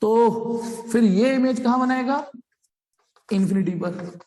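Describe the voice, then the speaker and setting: A man's voice: very high-pitched, takes it slowly, warm tone. Guy teaching physics to his class, jokey n chatty, calls the kids beta, lots of long reverb on the voice. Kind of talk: live online class lecture.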